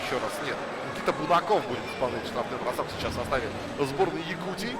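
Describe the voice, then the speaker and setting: A man commentating live on hockey as play-by-play caller, breaking into excited, exclaiming goal calls. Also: mid-range voice, fast. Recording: loud outdoor or vehicle-like background noise.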